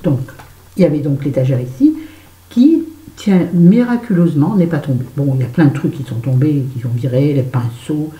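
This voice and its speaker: A vlogger with a deep, dark, expressive voice shares a story at a moderate pace while doing her make-up at home in her bedroom, chatting casually and cursing freely. The sound is roomy and the recording rough.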